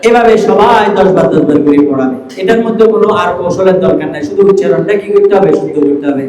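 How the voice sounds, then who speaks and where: A man's voice: high voice, quick pace, crowd noise. A man teaching Arabic letter pronunciation in a class, asking questions and then answering them himself, drawing out the letter names. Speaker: Quran recitation teacher. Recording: echoey room, faint hiss.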